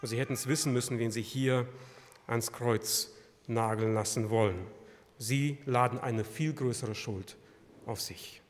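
A male preacher giving a sermon, piling up rhetorical questions that build to loud climaxes. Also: medium pitch, steady tone, a little slow. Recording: long hall reverb.

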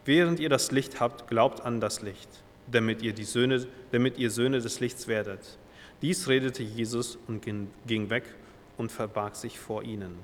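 A man gives a sermon at a middle pitch, reading scripture and then retelling it in casual everyday words. He restarts and corrects himself as he thinks aloud. His voice carries a long reverberant tail, as in a large hall. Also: measured pace, a little hiss or hum. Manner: reads Bible verses aloud, then explains them. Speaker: preacher.

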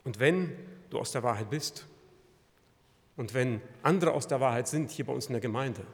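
A man preaching a sermon to his congregation, swinging between loud emphatic peaks and quiet low phrases and repeating lines for emphasis. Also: normal speed. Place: church hall. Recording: long hall reverb.

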